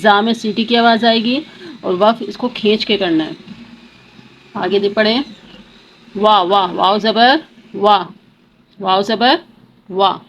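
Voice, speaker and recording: A woman teaching Quran recitation with tajweed, chanting each word slowly and then explaining quickly. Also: mid-range voice. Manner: slow drawn-out recitation, then rapid explanations. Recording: dull lo-fi sound with faint noise.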